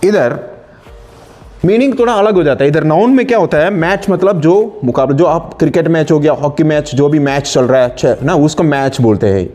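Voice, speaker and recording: A man with a fairly high voice teaches an online spoken-English class. He speaks Hindi and explains slowly and patiently, breaking off to read English example sentences. Soft music plays in the background.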